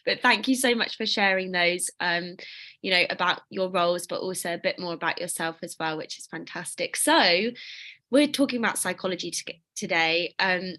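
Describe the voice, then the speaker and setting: A woman's voice: fairly low pitch, moderate pace, pushed and bright. Woman, panel host, upbeat, scripted introductions, video call. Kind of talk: hosting an online panel.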